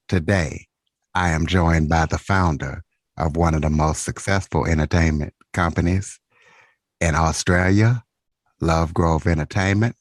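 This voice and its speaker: A man's voice: low-pitched, dry recording, studio quality. A man hosting a podcast, reading a scripted introduction in an announcer-like way before questioning his guest. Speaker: podcast host.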